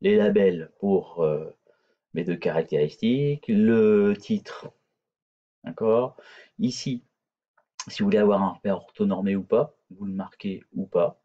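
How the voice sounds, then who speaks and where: A man's voice: on the low side, measured pace, lo-fi sound. A man teaching a hesitant, filler-filled screencast coding lesson, talking through code on screen. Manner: hesitant, many fillers and restarts.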